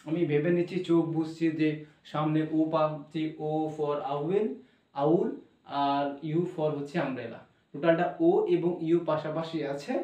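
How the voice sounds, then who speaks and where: A man's voice: high-pitched, a little mellow. A man teaching English spelling and pronunciation, spelling words out letter by letter and repeating key points as he goes. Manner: repeats phrases, pauses to check spellings. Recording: roomy echo, mic some distance away.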